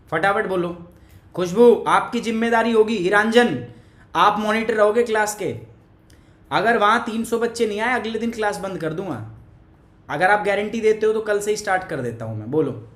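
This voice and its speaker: A man's voice: high voice, animated, normal speed, fairly bright tone. A male teacher with a cough, giving a chatty live online class and teasing viewers by name. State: has a cough. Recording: echoey room.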